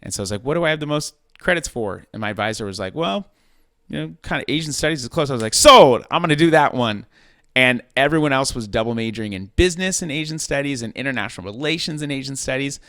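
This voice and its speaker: A man's voice: medium pitch, expressive, fast, fairly bright tone, dry recording, studio quality. A man hosting a podcast, chatting casually with his guest and laughing easily. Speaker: podcast host. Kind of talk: casual interview chat.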